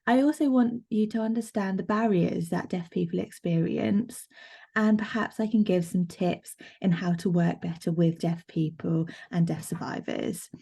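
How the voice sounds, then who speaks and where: Mellow, lowish-voiced woman interpreting. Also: moderate pace, creaky, slightly rough. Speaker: sign language interpreter voicing a presenter. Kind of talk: live interpreted presentation, plain and explanatory.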